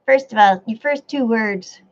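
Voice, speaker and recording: A woman's voice: a little high, measured pace. A woman hosting a casual live stream, reading viewer comments aloud and chatting back, with a stuffy nose. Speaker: livestream host reading chat. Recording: dull lo-fi stream audio.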